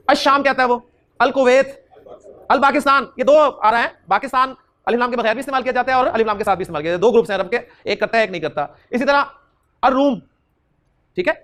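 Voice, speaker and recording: A man teaching Arabic grammar in a classroom lecture, quizzing his students and slowly repeating key terms. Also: extremely high pitch, a bit bright. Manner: questions students and drills answers back.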